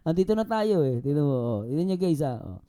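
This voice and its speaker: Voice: medium pitch, big pitch swings, moderate pace, a crowd in the background. A vlog host reacting to a video clip, mocking and exasperated, full of repeated interjections. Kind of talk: reaction commentary.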